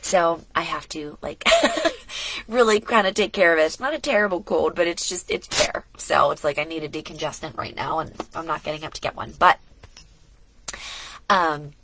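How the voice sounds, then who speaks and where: At a moderate pace, a middle-aged woman with a low, slightly bright voice vlogs casually from her home studio indoors. As a lifestyle vlogger she chats and rambles, slipping into asides and starting over, and a cold leaves her a bit congested.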